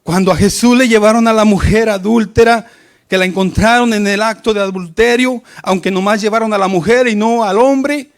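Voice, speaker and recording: A man's voice: high-pitched, normal speed. A man preaching a sermon to his congregation, rising and falling for emphasis and often calling out to his listeners as brothers.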